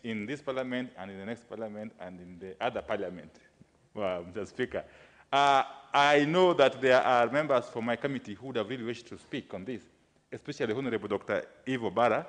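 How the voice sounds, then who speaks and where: A man who is a member of parliament speaks formally and somewhat haltingly, repeating himself. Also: fairly low pitch. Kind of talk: formal debate speech.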